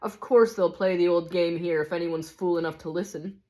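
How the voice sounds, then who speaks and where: Voicing a hard-bitten, cynical ghost from a storybook, a woman produces a high-pitched, mellow, natural-sounding man's voice with fairly even intonation and a moderate pace. Her character is bitter and scornful, pressing his complaints with rhetorical questions.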